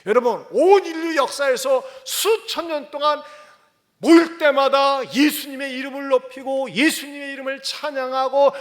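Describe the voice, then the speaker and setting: A male pastor preaching a sermon with dramatic storytelling, swinging between hushed and loud. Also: very high voice, steady tone, moderate pace. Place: church sanctuary. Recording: echoey church hall.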